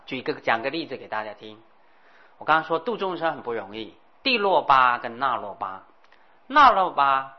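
A woman giving a Buddhist dharma talk, telling a story and acting out the dialogue. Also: low voice. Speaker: Buddhist teacher. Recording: dull lo-fi recording.

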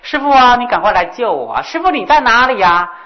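Woman voicing a young male disciple, grumbling, whining, high pleading voice, animated, lo-fi. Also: quick pace, a crowd in the background, natural voice. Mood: panicked pleading.

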